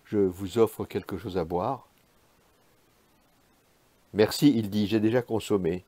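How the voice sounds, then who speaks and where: A man reading his own literary prose aloud in a measured, hushed, spare way. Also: lowish voice, no echo.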